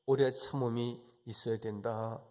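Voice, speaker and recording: A male pastor giving a Sunday sermon, moving from calm, chatty explanation to forceful, raised exhortation. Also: mid-range voice, unhurried.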